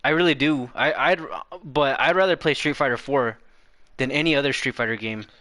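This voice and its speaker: A man's voice: medium pitch, a little fast, bright, forceful tone, dry recording. A young man hosting a casual gaming chat, laid-back, often laughing as he reads the chat. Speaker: podcast host reading chat.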